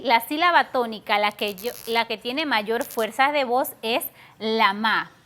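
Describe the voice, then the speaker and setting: Lady teacher on a tv class, patient, step by step, crisp bright high voice. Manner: patient, explains step by step, stretches out words. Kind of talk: televised class for schoolchildren.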